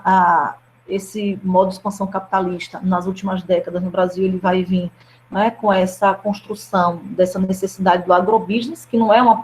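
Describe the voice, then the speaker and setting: A woman's voice: mid-range voice, low-quality recording. A woman from Brazil giving an academic presentation to a study group, hesitant, with many fillers and restarts.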